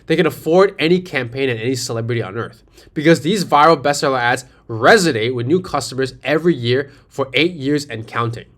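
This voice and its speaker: A New York City agency founder delivers a persuasive sales pitch over slides, posing rhetorical questions and repeating key phrases. His New York accent comes through in a medium-pitched, slightly bright voice, and he talks fairly quickly.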